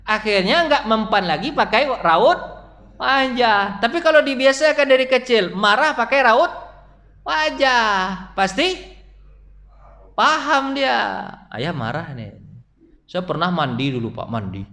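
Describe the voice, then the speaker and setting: A middle-aged man gives a mosque sermon in a high voice. His pitch leaps up and down as he tells stories. He keeps turning to the listeners with questions. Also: measured pace. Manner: animated storytelling, asks the audience questions. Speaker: preacher.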